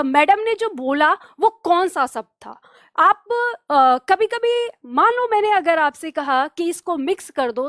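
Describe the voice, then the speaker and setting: A woman's voice: extremely high pitch, a bit bright, no echo, clean studio sound. A woman teaching a Hindi exam-prep lesson, explaining patiently and asking and answering her own questions.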